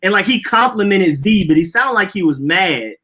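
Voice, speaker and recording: A young man with an Atlanta accent co-hosts a podcast, telling loose, rambling, slang-filled stories in casual conversation. His voice sits high, animated, pushed, and bright, at a normal speed.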